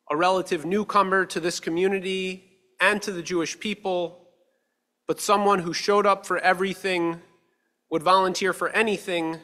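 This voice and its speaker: A male rabbi in his thirties giving a measured, earnest sermon at a lectern with a stand mic, slowing down for emphasis. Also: high-pitched, pushed and bright. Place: synagogue sanctuary, at a lectern. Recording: long reverb of a sanctuary hall.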